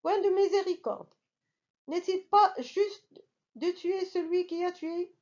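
A woman's voice: very high-pitched, slow pace, darkish tone, lo-fi sound, voice pushed up, heavily acted. A woman voicing a huge, ancient, vengeful male genie who speaks in a harsh, threatening tone. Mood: menacing.

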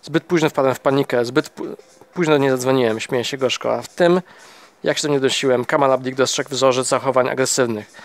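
A man reading a novel aloud, voicing an angry, distraught young husband accused of his wife's murder, pitched up and pressing hard. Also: fairly even intonation, fairly quick, close to an everyday voice. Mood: bitter. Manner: heated, raised and pressing. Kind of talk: audiobook character voice.

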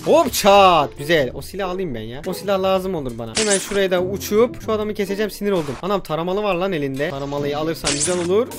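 A man giving jokey, excitable commentary while playing a video game, breaking into yelps and shouts. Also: high-pitched, fast talker, few pauses. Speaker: gaming YouTuber. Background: game music.

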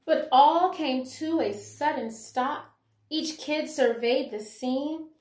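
With a higher voice and a slightly dark tone, a woman educator slowly reads a children's picture book aloud. She adds expressive commentary for young listeners and teachers. The echo of the small room at home where she records is clearly audible.

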